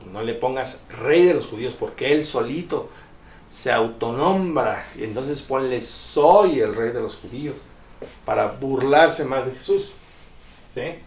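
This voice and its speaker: Guy teaching bible stuff, slow and patient, keeps asking "right?", echoey room, mic kinda far off. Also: medium pitch, expressive, a little mellow. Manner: explanatory, checks in with "¿sí?" and "¿ok?"; reads out ancient Greek terms slowly. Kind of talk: Bible lecture. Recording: roomy echo, distant mic.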